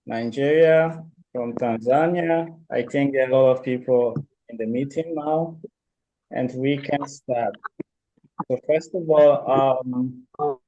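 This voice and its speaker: A man hosting an online video meeting, speaking slowly with many pauses and fillers. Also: medium pitch, mellow, muffled recording. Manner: slow, halting, many fillers. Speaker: meeting host.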